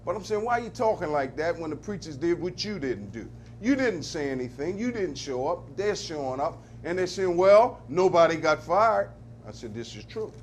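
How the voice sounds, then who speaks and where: A man delivering preacher-style commentary on local affairs, with an emphatic call-and-response cadence that surges to loud peaks. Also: a little high, sing-song, normal speed, slight background noise.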